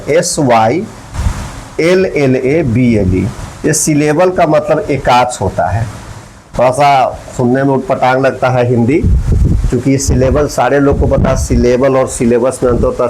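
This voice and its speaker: A man's voice: mid-range voice, a little mellow, a little hiss or hum, poor audio. A man teaching English verb forms, spelling words out letter by letter. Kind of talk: spelled-out grammar lesson.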